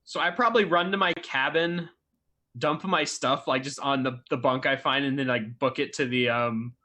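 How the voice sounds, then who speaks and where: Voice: mid-range voice, normal speed, sharp tone. A player describing their character's actions in a tabletop game, rambling with many fillers. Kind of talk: tabletop role-play narration.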